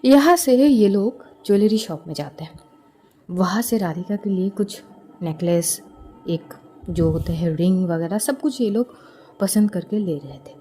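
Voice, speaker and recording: A woman's voice: medium pitch, lively intonation, a little slow, warm tone, faint music behind. A woman narrating a serialized love story in a conversational retelling style.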